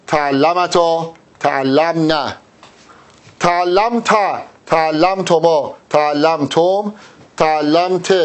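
A man teaching an Arabic grammar lesson for an exam, talking directly to the student and drilling verb forms. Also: sits high. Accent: Persian. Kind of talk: recorded exam-prep lesson.

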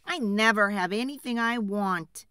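A poor, weary woodcutter from a children's storybook, as a woman reading aloud puts him on, talking louder and more bluntly than the narration around him. His voice stays bright, and it swings widely in pitch. The sound is close and dry. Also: very animated, unhurried, no room sound. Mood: wishful. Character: poor tired grown male woodcutter.

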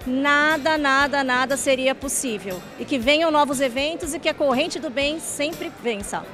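Cheerful woman organizer. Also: high voice. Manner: grateful, cheerful. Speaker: event organizer. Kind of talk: on-camera statement at an event. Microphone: handheld mic.

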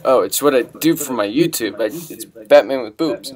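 A man's voice: medium pitch, normal speed, darkish tone. A man chatting with a stranger over a video chat in a laid-back, rambling way, out of breath from dancing. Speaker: video creator. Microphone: webcam over video chat.

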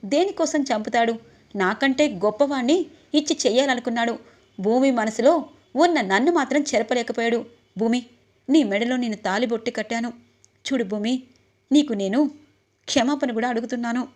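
A woman's voice: on the high side, normal speed, long pauses, darkish tone, lightly acted. A woman voicing a passionate, defiant young man who speaks out for the woman he loves in an impassioned way.

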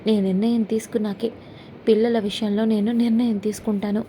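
A woman voicing a calm, fatherly middle-aged head of the family in a serial recap, speaking earnestly and reassuringly. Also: mid-range voice, a little fast, slight background noise, natural voice.

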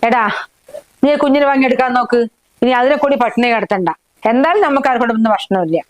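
A woman's voice: fairly high pitch, quick pace. A woman acting as a grandmother and mother-in-law in a family short film, sarcastic and nagging. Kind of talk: domestic drama acting. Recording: clear background noise.

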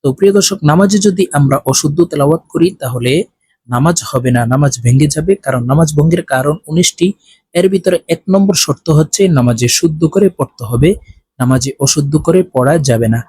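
Male tutor, slightly higher voice, dry close sound; patiently spells out each letter and vowel mark. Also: a little fast, a little mellow, breathy edge, dry recording. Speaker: Quran recitation teacher. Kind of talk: spoken tutorial lesson.

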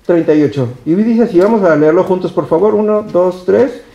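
A man's voice: high voice, normal speed, gravelly, warm tone, muffled recording. A man with a Mexican accent, a pastor preaching a sermon and speaking directly to his congregation. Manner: emphatic preaching, repeats words and addresses the congregation directly. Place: church service held in a hotel hall. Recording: echoey hall.

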